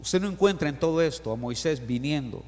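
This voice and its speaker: A middle-aged male pastor delivers a lively sermon with a fairly high voice. He acts out scripture and asks his congregation questions. His voice rings with the long reverb of a church hall. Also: a little fast. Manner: animated, acts out Bible quotes and stories, asks the congregation questions. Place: church sanctuary.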